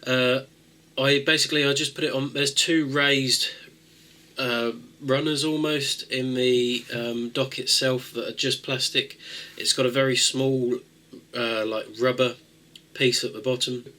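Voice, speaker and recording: In a casual how-to, a tech video host who has a cold and a nasal voice rambles through a fix, using many fillers and restarting often. His voice is mid-range with little pitch movement and a sharp tone, and he speaks a little slowly.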